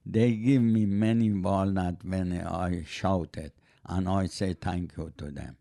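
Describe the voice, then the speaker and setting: An older man, not a native English speaker, chatting on a podcast in halting, broken English with many fillers. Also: deep voice, fairly even intonation, creaky, dark tone, dry recording, clean studio sound. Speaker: podcast guest, host's father. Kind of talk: casual chat.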